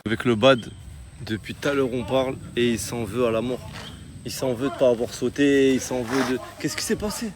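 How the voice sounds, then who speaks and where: A man's voice: mid-range voice, moderate pace, noisy background. Slangy man running the challenges. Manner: reassuring, brotherly, slangy. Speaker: show organizer running challenges. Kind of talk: casual chat with street slang. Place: outdoors on an island.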